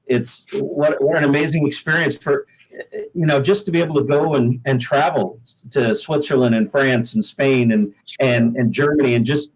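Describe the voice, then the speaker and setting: In an interview, an American singer-songwriter from the Pacific Northwest spins casual, folksy stories with modesty. He speaks in a mid-range voice, and the audio quality is poor.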